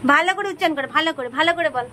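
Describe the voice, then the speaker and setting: High-pitched woman coaxing a toddler. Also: rapid-fire, pushed and bright, a little hiss or hum. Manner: coaxing, teasing, repeats questions. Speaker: vlogger. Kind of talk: casual chat with a toddler.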